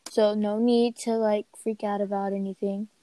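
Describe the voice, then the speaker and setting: Teen girl, mellow darker voice, keeps restarting her sentences, dead dry sound. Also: medium pitch, flat delivery, no echo. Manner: halting, self-interrupting storytelling. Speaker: podcast co-host. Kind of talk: casual chat, storytelling. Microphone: home mic, recorded remotely.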